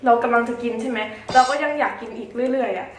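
A woman's voice: a little high, fast, soft background music. A woman hosting a food vlog, chatting casually and often checking in with her viewers. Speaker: host of a food challenge vlog. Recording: roomy echo.

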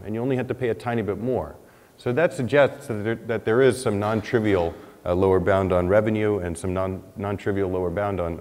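An economics researcher in his thirties presents a paper at a podium, his fairly low, darkish voice echoing with the long reverb of a large lecture hall. Working through his slides, he thinks aloud, restarting phrases and saying "you know" often, with his pitch rising when he stresses a point.

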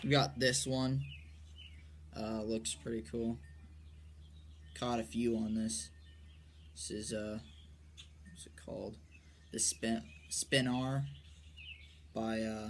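An amateur angler, a young adult around late teens to early twenties, gives a casual show-and-tell of his tackle, halting and low-key, trailing off as he handles gear. It's recorded on a covered wooden porch outside via a phone or camera at arm's length, with noticeable outdoor noise.

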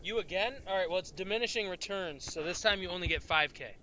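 Amid background noise, a man talks fast in a high-pitched voice while live-streaming a game. His casual commentary is rambling and full of swearing, aimed at chat, and he sounds tired, yawning along the way.

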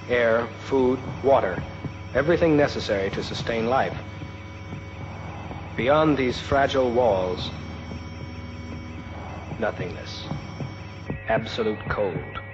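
A man reading scripted documentary narration in a solemn, measured, poetic manner. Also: mid-range voice. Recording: dull archival film sound, noisy hum.

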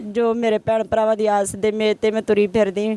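A woman, the mother of the bride, answers a reporter's questions in an even, flat tone. Her voice is clear and smooth as she names the absent relatives one after another. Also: mid-range voice, brisk, no echo. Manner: lists missing relatives one by one. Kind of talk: emotional interview answers.

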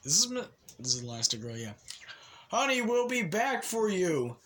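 A man hosting a gaming channel, giving eager gameplay commentary, pleading and cheering at the game, then closing with a channel pitch. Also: big pitch swings, moderate pace, slight background noise. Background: loud game music.

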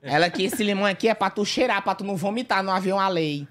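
A man's voice: high voice, fast, a bit bright. Man with northeastern brazilian accent, casual comic storytelling, slangy, laughs through his story. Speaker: comedian guest telling a story.

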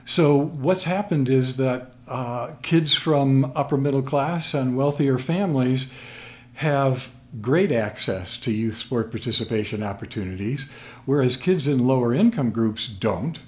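An older American man, a sports sociologist appearing as an expert guest, answers interview questions in measured phrases broken by small pauses. His mid-range voice has a darkish tone, recorded on a stand-mounted desk microphone while he sits at a table in a small, plain indoor room.

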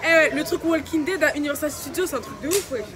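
A woman's voice: sits high, animated, quick pace, over music. A woman, chatting casually in slang. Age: 20s. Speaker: vlogger. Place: outdoors at a busy funfair. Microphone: phone at arm's length. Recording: noisy outdoor fairground with crowd.

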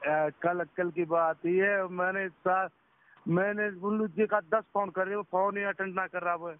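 A driver on a phone call retells getting scammed, casual but worked up and repeating details. His high voice has fairly even intonation, an unhurried pace and a clean tone, though the phone recording itself is tinny.

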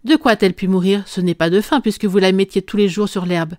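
A woman reading an audiobook voices a stern aristocratic mother who speaks in a measured, reproachful way. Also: mid-range voice, darkish tone, no echo, studio quality, natural voice.

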